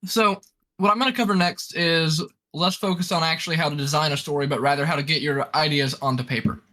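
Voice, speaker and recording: A man's voice: fairly high pitch, fairly even intonation, a little fast, pushed and bright. A man in casual talk on a call, explaining his writing method in an emphatic, blunt, instructive way. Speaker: writing advice speaker.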